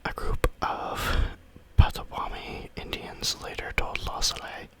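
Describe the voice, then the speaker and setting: A man narrates scary stories in a breathy ASMR whisper with no voice behind it. The delivery is very slow and deliberate, and the whisper has a bright, crisp edge. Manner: slow, deliberate read-aloud phrasing.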